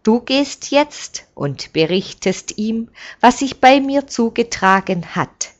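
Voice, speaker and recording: A woman voicing an old male village elder who speaks in a firm, measured and kindly commanding way. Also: on the high side, lively intonation, dull audio, pitched above the performer's own voice. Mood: warm.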